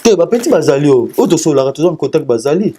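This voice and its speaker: A man's voice: fairly high pitch, big pitch swings, a crowd in the background. A man, a singer interviewed as a guest, talking casually and sending greetings, often stumbling over repeated syllables. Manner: halting, repeats syllables and restarts.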